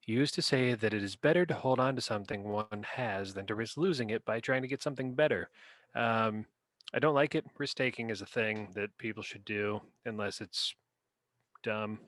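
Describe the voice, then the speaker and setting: A man's voice: on the low side, normal speed, a bit bright, no room sound. A man co-hosting a podcast, rating dictionary words in casual chat and reading definitions aloud in a playful, rambling way. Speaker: podcast co-host.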